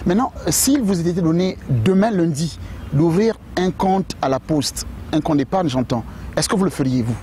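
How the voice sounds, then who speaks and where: Male presenter, warm mellow tone, a bit high, some noise behind. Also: animated. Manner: brisk questions with short acknowledgements. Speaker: studio presenter. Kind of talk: news magazine presenting.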